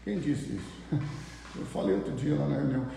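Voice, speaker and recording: A man's voice: on the high side, moderate pace, vocal fry, a little hiss or hum. A middle-aged man with a Brazilian Portuguese accent, preaching a live morning sermon in a conversational way. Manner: conversational, animated, with mock voices. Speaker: pastor. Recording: echoey room with long reverb.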